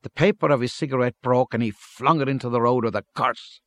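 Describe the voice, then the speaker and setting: A male narrator reads a scripted literary story aloud, measured and steady, at an even middle pitch. The recording is dry and close, with no room sound around his voice.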